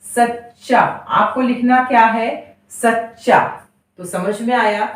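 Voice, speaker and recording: Slow, high-voiced woman teacher in an echoey room. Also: fairly even intonation. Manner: asks questions and repeats answers, stretches example words. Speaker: Hindi teacher. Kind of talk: slow classroom explanation. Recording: very echoey, voice from a distance.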